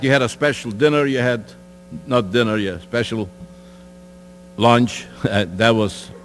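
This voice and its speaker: A man in his eighties giving a plain, direct account to a school audience, with conversational asides. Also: medium pitch. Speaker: Holocaust survivor speaker. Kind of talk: testimony talk to students. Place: school hall. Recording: echoey hall with faint mains hum.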